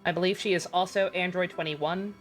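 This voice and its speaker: A woman's voice: on the low side, fairly even intonation, brisk, soft background music. A woman giving casual, sardonic, joking commentary while streaming a video game.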